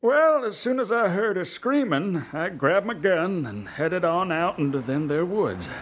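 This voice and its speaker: A man's voice: high-pitched, big pitch swings, a little slow, a little hiss or hum. A man voicing a grim backwoods man, folksy and ominous.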